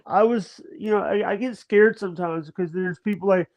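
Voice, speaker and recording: A man in his thirties with a high voice, talking in halting, stammering bursts full of restarts. He chats casually over a video call, and the stream audio sounds dull and lo-fi. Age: 30s. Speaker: livestream guest. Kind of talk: casual chat.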